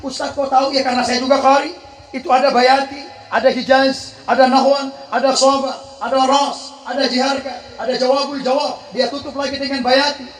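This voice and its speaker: A man's voice: very high-pitched, little pitch movement, fairly quick, reverberant, rough recording. A man preaching a humorous sermon to a congregation, bantering with listeners and breaking into melodic Quran chanting. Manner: joking, call-and-response with the crowd, melodic Quran chanting.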